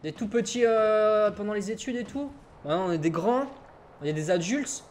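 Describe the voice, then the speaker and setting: A young man in his twenties talks through a video game session in a loose, chatty way, cracking jokes and laughing often. His voice sits high for a man. A clear layer of background noise runs under his home mic recording. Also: normal speed, darkish tone. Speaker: let's play gamer. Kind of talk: casual gameplay commentary. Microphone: home streaming mic setup.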